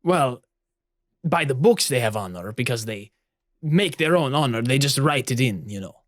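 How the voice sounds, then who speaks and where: A man's voice: mid-range voice, lively intonation, moderate pace, dry recording, studio quality, natural voice. Man doing a proud Spanish-accented naval woman. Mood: earnest. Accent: put-on Spanish accent. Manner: earnest, lecturing about honor. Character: proud honor-obsessed woman naval officer. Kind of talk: improvised tabletop role-play.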